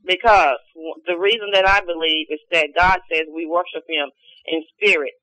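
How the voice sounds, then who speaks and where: A man's voice: a little high, steady tone, moderate pace, bright, forceful tone, poor audio. A man calling in to a show as a caller, speaking in an insistent, earnest, preaching way. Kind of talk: call-in debate, preaching.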